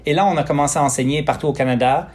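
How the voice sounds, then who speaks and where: A Quebec French man in his forties tells his story as a podcast guest, leaning on fillers and restarting his sentences. His voice sits a little high for a man, and he speaks loosely and conversationally. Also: very fast. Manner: hesitant, many fillers and restarts. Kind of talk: casual interview talk.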